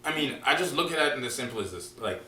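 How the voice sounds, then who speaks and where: A man co-hosting a casual podcast, talking bluntly and with lots of swearing, getting louder as he rants. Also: mid-range voice, lively intonation, fast. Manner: blunt, profane, heats up when ranting. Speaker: podcast co-host. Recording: echoey room, mic at a distance, faint hum.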